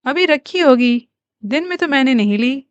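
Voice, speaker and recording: A woman playing a frail kindly old mother, halting, weak, clear close voice. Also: high-pitched, animated, dry recording, muffled recording. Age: older.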